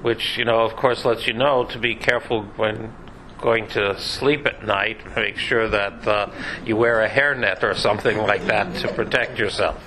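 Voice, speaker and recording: A man's voice: on the low side, fairly even intonation, normal speed, pushed and bright, a little hiss or hum, poor audio. A man giving a conversational Bible class lecture, chatty and sprinkled with dry joking asides. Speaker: Bible teacher.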